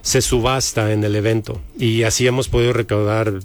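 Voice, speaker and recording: A man's voice: fairly low pitch, little pitch movement, normal speed. A man from Guadalajara with a Mexican accent, an artist guest on a radio show, earnest and stumbling over words. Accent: Mexican Spanish. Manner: hesitant, repeats words, earnest. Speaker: guest painter. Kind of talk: casual radio interview.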